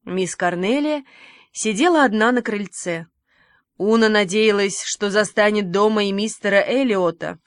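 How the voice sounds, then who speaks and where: A woman reading a novel aloud as an audiobook narrator, measured and even. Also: mid-range voice, no room sound, studio quality. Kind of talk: scripted narration.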